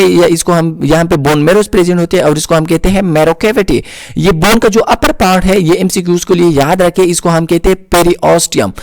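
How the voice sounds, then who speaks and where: A man with a Pakistani Urdu accent gives a slow, repetitive nursing lecture over slides, with frequent "uh" fillers. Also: high voice, vocal fry, dry recording. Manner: explains slowly, repeating terms, with frequent "uh" fillers. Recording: dry close recording.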